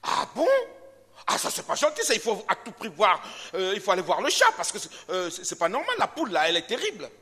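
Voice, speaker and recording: A shocked, gossiping cat, put on by a preacher, squeals high and bright as it passes on tales. The exaggerated tattling voice rings out with a long church-hall reverb. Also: male voice, very animated, quick pace, slightly rough, heavily acted.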